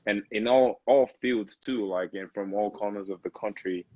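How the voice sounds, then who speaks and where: Easygoing young man, deep voice. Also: moderate pace, narrow, tinny audio. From Nigeria (Lagos). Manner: relaxed, easygoing, says bro often. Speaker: recording artist, guest. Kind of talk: casual interview.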